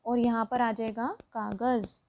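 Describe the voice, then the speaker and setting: Woman, teacher, high voice, patient, step-by-step worksheet lesson for children. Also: little pitch movement, a little slow, a little mellow.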